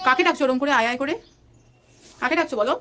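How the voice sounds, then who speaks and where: High-voiced young mom, playful baby talk. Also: female voice, fast, crowd noise. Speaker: mother filming her toddler. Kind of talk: home video narration and baby talk.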